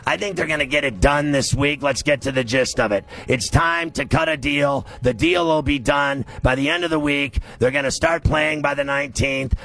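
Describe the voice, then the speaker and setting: Gravelly loud sports radio guy, scratchy and kinda high, yells a lot, show-off vibe. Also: no room sound. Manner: loud, boastful, verbose, often yelling. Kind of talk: brash sports radio monologue.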